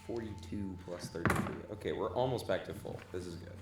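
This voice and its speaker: A man's voice: low voice, brisk, loud music behind the voice. A man playing in a tabletop game, joking and asking rule questions. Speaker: player. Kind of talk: casual tabletop chat. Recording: roomy, distant and noisy.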